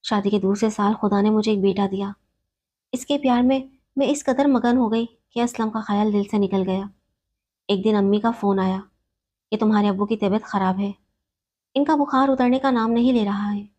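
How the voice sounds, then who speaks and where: A woman telling an emotional story in the first person, reading in a steady, sorrowful way. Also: medium pitch.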